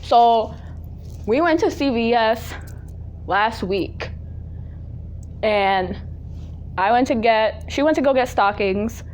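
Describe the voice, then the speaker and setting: A high-pitched woman hosts a personal story series, telling comic stories about her life in an animated, casual-chat way. She's dramatic and exaggerated, acting out family dialogue and dropping Spanish phrases into her English. She takes it slowly with frequent pauses, over a little hiss or hum.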